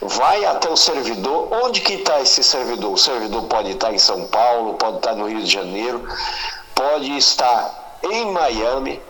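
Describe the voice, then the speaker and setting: Man, call-in guest, speakerphone sound, bright tone, patient explainer. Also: mid-range voice, animated, measured pace, poor audio. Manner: explains patiently with everyday comparisons. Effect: heard over a phone on speakerphone. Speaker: radio guest on the phone. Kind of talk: explaining by phone in casual conversation.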